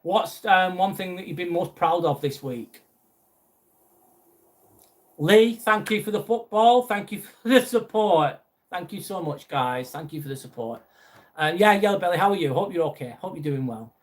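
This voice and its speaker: A young northwest England streamer with a Lancashire accent runs a live video chat, his voice somewhat high for a man. He's expressive and moves at a moderate pace. In his relaxed, friendly style, he reads each viewer message aloud and answers it.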